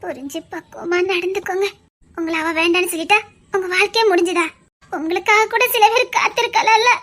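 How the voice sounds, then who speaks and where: Woman voicing devoted young woman, Tirunelveli accent, very high voice, insistent and tender. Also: fairly quick, a bit bright. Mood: soothing. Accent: Tirunelveli Tamil. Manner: coaxing, soothing, insistent. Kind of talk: amateur dramatic dialogue.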